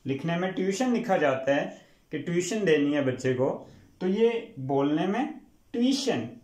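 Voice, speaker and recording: A man's voice: fairly high pitch, animated, measured pace, darkish tone. A man with a Pakistani accent, a native Urdu speaker, teaching English pronunciation and repeating each word several times for his students. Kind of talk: classroom-style pronunciation lesson. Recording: echoey room.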